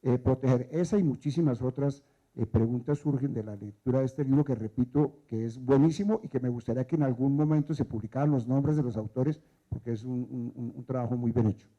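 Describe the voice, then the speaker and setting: A man with a very dark, warm voice reflects aloud on a panel, posing questions to the room. The recording is dull and lo-fi. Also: mid-range voice, fairly quick. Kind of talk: panel discussion.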